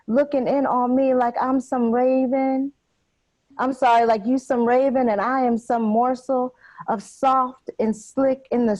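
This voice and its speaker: Woman doing intense spoken word poetry, high voice, dry close sound, defiant and in your face. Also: darkish tone, no echo, dull audio. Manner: defiant, confrontational, addressing an unseen officer. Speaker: poet reading her work.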